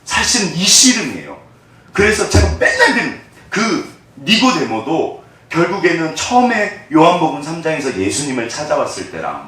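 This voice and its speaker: A man preaching a conversational sermon as pastor, swinging between hushed asides and animated bursts. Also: on the high side. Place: church sanctuary. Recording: echoey church hall from far off.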